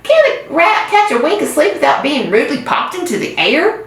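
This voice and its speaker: Woman doing a high whiny rat, sarcastic, mocking, very echoey, distant mic. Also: sing-song, normal speed. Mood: sarcastic grumbling. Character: grumbling selfish male rat, sarcastic.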